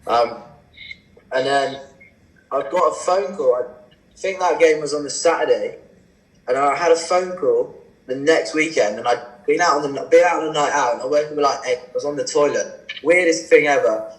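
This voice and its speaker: A young man in his twenties chats casually as a podcast guest. He tells his stories with animation and acts out both sides of quoted exchanges. His mid-pitched voice carries a roomy echo. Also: brisk. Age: 20s. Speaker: guest cricketer.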